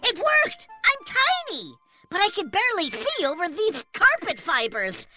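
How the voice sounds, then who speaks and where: An actor voicing a tiny, hapless, excitable male cartoon duck with a squeaky miniature voice, narrating his own troubles dramatically. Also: unhurried, exaggerated voice. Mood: excited. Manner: dramatic, exclaiming self-narration. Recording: loud music behind. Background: loud cartoon score.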